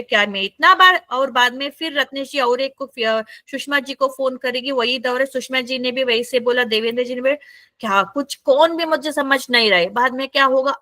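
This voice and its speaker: High, bright-voiced South Indian woman teaching. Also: dry recording. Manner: animated, mixes English into Hindi, asks "right?" often. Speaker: facilitator leading a group session for seniors. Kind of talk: conversational lesson to a group.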